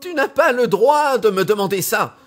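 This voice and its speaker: Wicked old witch, shrill, screeching, lively swoops, man putting her on. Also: normal speed, soft background music. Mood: indignant. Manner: screeching, raging.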